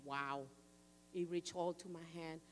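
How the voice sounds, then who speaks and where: Woman pastor preaching slow and emphatic in an echoey church hall. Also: lowish voice, fairly even intonation, a little hiss or hum. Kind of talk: bilingual sermon. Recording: long echo of a large hall.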